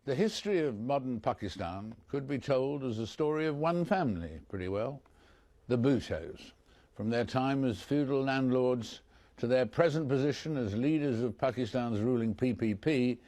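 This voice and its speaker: A male broadcast interviewer with a mid-range, darkish voice introduces his guest and poses long questions. He sounds hesitant, often repeating words as he frames what he wants to ask.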